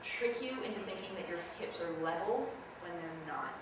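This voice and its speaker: With a lowish voice at a moderate pace, a young woman teaches an acting workshop, chatting through tips and launching into loud, yelled demonstrations. Recorded from far off on a distant camera mic in a large room, her voice rings with heavy echo over constant hiss.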